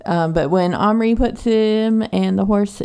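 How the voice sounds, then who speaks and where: A woman's voice: medium pitch, measured pace, warm tone, clean tone. A woman, recapping a book on a podcast in a casual, sarcastic, swearing way. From Texas. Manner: profane, sarcastic. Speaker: podcast co-host.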